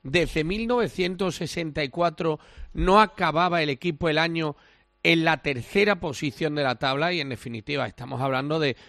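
Brief: slightly high male reporter, fluent and informative, dry close mic. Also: moderate pace, vocal fry, fairly bright tone, no echo. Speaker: sports reporter. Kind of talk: radio sports report.

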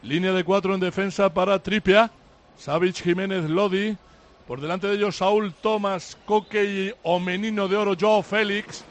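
A man giving an energetic, emphatic team lineup report on live radio. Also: high-pitched, moderate pace. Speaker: football reporter.

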